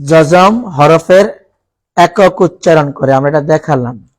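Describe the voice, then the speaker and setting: A man teaching Quran recitation in a college classroom with a Bangladeshi accent, reciting Arabic examples slowly and quizzing his students. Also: fairly high pitch, dry recording, poor audio. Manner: slow, drawn-out recitation of Arabic words as examples; asks the class questions and has them repeat.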